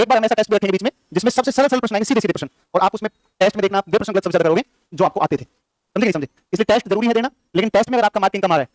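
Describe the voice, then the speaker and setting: Short on sleep, a man teaching a class speaks very quickly and high, repeatedly shooting the same questions back at his students. The sound is close-miked and dry.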